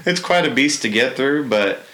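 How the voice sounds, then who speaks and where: A man's voice: mid-range voice, expressive, moderate pace, heavy background noise. A man hosting a casual podcast chat, rambling with lots of fillers and restarts. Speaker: podcast host.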